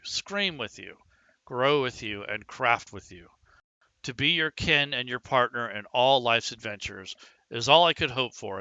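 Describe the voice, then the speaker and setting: A man's voice: medium pitch, pushed and bright, dry recording, dull audio, full character voice. A man voicing a nervous, tearful young bride.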